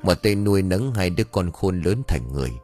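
A man's voice: deep voice, expressive, a little fast, darkish tone, faint music behind. A man voicing a tearful village mourner lamenting the dead woman.

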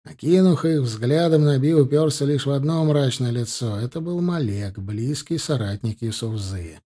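A man narrating an audiobook in a dramatic, expressive manner. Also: mid-range voice, normal speed. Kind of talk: scripted narration.

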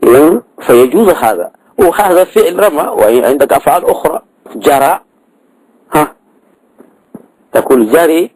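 A man's voice: mid-range voice, darkish tone, dry recording, poor audio. A man teaching grammar, explaining a verse text in a lecture, repeating key words and prompting with short tags.

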